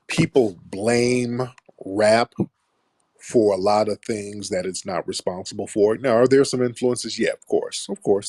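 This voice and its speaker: A man with a low, slightly husky and somewhat mellow voice hosts a casual live stream, taking calls. He talks bluntly and with profanity, as if telling a friend street stories, and the recording is close and dry.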